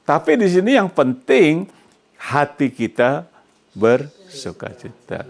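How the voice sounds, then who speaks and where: A man's voice: fairly high pitch, sing-song, slow pace. A male pastor preaching a sermon who keeps quizzing his congregation mid-sentence and drops English phrases into his emphatic preaching.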